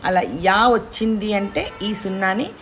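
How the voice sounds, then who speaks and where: A woman teaching pronunciation, drawing out syllables slowly to demonstrate them. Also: medium pitch, steady tone, slight background noise. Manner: slow demonstrative enunciation of syllables. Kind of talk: pronunciation lesson.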